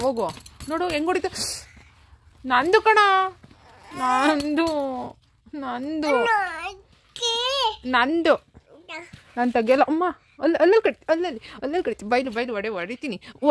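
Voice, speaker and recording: A woman with a Kannada accent and a high voice talks to a small child at home. She coaxes and pleads in a sing-song, babyish way. A faint household hum sits behind her. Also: a bit bright. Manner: coaxing, sing-song baby talk. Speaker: vlogger parent. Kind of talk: casual talk with a toddler.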